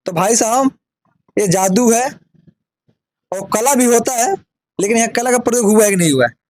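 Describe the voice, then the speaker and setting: A man's voice: very high voice, lively intonation, normal speed, a crowd in the background. A man hosting a casual interview, asking questions and repeating what he is told. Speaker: interviewer and video host.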